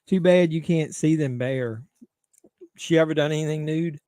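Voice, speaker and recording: A man's voice: a little high, normal speed, dark tone, no room sound, studio quality. A middle-aged man hosting a casual movie watch-along stream, bantering crudely with his chat from home. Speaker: livestream host.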